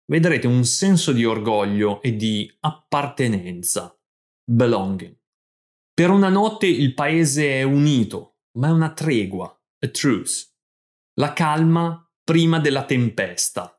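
A man reading scripted narration for language learners, telling a story in short, clear sentences. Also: mid-range voice, big pitch swings, slow pace. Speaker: podcast host and language teacher.

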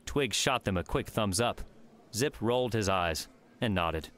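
Low-voiced male audiobook narrator. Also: expressive, a little slow, fairly bright tone. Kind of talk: scripted narration.

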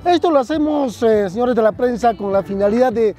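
A man's voice: very high voice, brisk, warm tone. A man, a municipal official at an outdoor fair giving an earnest press interview, listing items and adding tag questions. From southern Peru.

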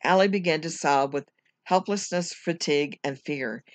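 A teacher reading a children's chapter book aloud at home, measured and careful, now and then correcting a slipped word. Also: mid-range voice, no room sound. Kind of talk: storybook read-aloud.

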